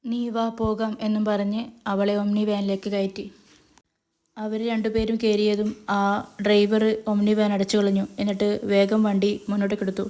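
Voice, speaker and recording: A woman tells the story of a serial episode, keeping her voice flat and level. Her pitch sits at a middle height for a woman, and she narrates steadily. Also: moderate pace.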